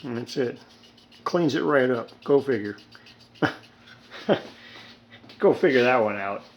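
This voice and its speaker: A man in his seventies, a hobbyist radio restorer, gives a casual, rambling, folksy repair demonstration with dry humor. His mid-range voice is slow, the highs are cut off, and this homemade video has steady background noise.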